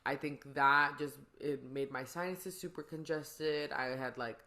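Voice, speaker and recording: A woman's voice: rumbling low, fairly even intonation, a little slow, sharp tone. A woman hosts a casual podcast chat. She talks in a loose, rambling way, full of slang, as if catching up with a friend. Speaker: podcast host.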